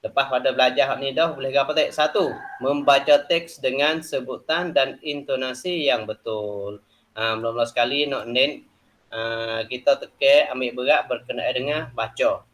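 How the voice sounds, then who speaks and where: A man's voice: medium pitch, normal speed, a bit bright, slight background noise. Chatty man teaching in local dialect. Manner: loose, repetitive explaining with many "ha" and "nah" fillers. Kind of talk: classroom lesson explaining a textbook unit.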